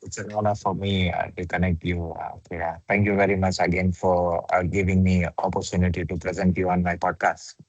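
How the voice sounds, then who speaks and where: A man hosts a podcast interview over a video call, asking questions politely and hesitantly. His voice sits fairly low, and the audio is dull, lo-fi and dry. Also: little pitch movement, a little fast, few pauses, dry recording. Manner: polite, hesitant with many fillers. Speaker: podcast host.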